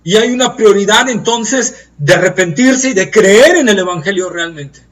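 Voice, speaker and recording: High-voiced man preaching, distant mic. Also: lively intonation, a bit bright. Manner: earnest, emphatic, slows to stress key phrases. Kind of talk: Bible study sermon.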